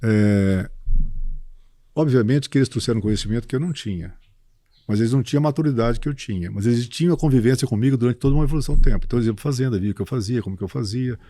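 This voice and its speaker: A man in his sixties, a farm business owner, talking casually in an interview as a lively storyteller who keeps checking in with his listener. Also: mid-range voice, racing, dry recording. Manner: lively storyteller, often tags "entendeu" and "cara".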